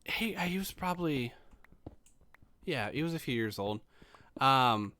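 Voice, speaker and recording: A man's voice: mid-range voice, lively intonation, measured pace, pushed and bright. A man in his late twenties, a streamer telling meandering casual stories to his live audience. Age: late 20s. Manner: rambling, meandering storyteller.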